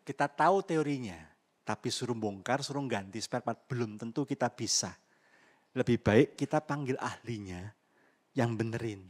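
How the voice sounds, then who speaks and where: A male pastor preaching a sermon at a church service, animated and lively, calling on the congregation to respond. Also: mid-range voice, moderate pace.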